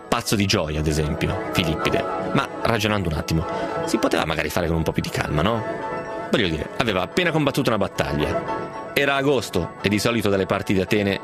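A male radio host with a lowish voice that swings widely in pitch. He talks in a wry, storytelling way full of rhetorical asides. Music plays clearly under him in the studio. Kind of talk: radio storytelling and phone interview.

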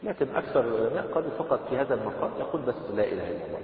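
A man with an Egyptian accent gives a religious lesson in rapid, lowish speech, reading passages slowly and then unpacking them casually. His voice comes from far off in a hall with long reverb, through a thin, phone-like recording. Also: sing-song, slight background noise. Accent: Egyptian Arabic. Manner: reads a passage slowly, then explains it quickly in colloquial speech. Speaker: religious teacher. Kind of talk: explaining a jurisprudence text in a lesson.

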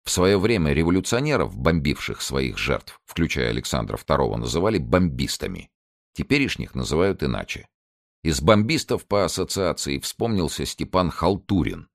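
A man's voice: very deep voice, big pitch swings, moderate pace, creaky, no room sound, clean studio sound. A man narrating a satirical story in a wry, ironic reading style. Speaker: audiobook narrator. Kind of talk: scripted narration.

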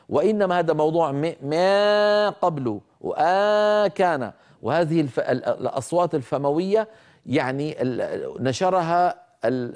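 A man teaching Quran recitation rules, explaining carefully and demonstrating sounds slowly, sometimes scolding common mistakes. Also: a little high, darkish tone. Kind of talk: tajweed lesson with spoken demonstrations.

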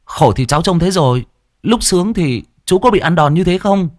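A man's voice: high voice, expressive, fairly quick, darkish tone, dry recording, voice pushed up. A cheeky young villager teases and pokes fun in a lifted, playful voice, as a man acts him out in a storybook reading. The sound is dry and close to the mic. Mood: teasing. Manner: teasing, playful.

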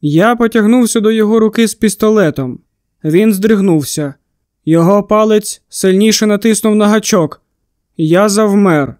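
High, clear male audiobook narrator. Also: normal speed, a little mellow, no room sound, studio quality. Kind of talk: first-person storybook narration.

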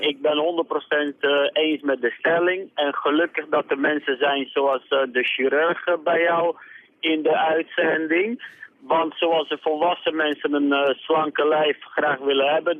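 A man phones in to a radio talk show, his slightly high voice squeezed through a dry, tinny phone line. He speaks agreeably, stopping and hesitating often. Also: steady tone, measured pace, dry recording. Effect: heard over a phone line on the radio. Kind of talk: call-in opinion.

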